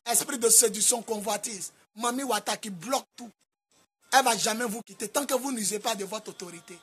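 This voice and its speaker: Bright-voiced Ivorian preacher man. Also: sits high, a little fast, breathy edge. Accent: Ivorian French. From Côte d'Ivoire. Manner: sing-song preaching that climbs to loud shouted commands. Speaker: apostle preacher. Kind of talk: sermon.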